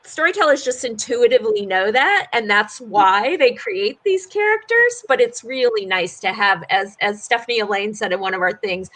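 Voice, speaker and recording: A woman's voice: mid-range voice, lively intonation, normal speed, hardly any pauses, a bit bright. A woman moderating a video-call panel, friendly and rambling, with many fillers.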